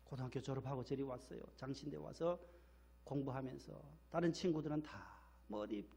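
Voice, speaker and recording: High gravelly middle-aged male pastor. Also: darkish tone. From Gyeongsang region, South Korea. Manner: folksy anecdotal storytelling, repeats phrases for emphasis. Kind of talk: sermon.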